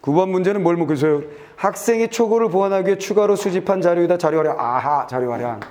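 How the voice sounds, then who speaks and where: A male Korean exam-prep teacher walking students through a test passage, reading lines aloud and checking in with quick asides that trail off low. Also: expressive, darkish tone, a little hiss or hum. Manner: brisk and chatty, reads aloud then checks "됐지?" and trails off low.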